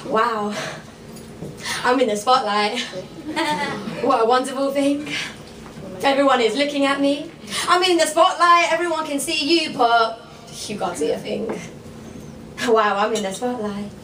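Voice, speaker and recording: A young woman from England performing a spoken word poem on a small bar stage, rhythmic and rhyming with dramatic pauses. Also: sits high, noisy background. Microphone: stand mic on stage, recorded from the room. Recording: echoey bar room from far off.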